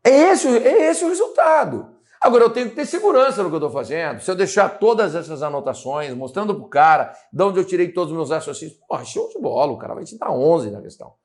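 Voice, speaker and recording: A man teaching biology, solving an exam question step by step in a lively, repetitive way with a Brazilian Portuguese accent. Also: a little high, fast talker, hardly any pauses. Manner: lively, talks through steps, repeats "olha lá".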